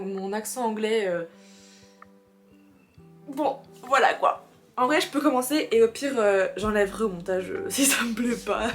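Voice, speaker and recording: A woman presenting books in a casual vlog, chatty and excitable, laughing often and reading back-cover blurbs aloud. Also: fairly high pitch. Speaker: booktuber. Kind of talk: casual book haul chat.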